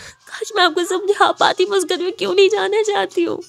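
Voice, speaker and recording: A woman's voice: little pitch movement, a little fast, vocal fry, dry recording. A woman voicing a sobbing, pleading young woman. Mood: tearful pleading. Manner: high, pleading, sobbing speech. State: crying. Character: tearful young woman begging to stay.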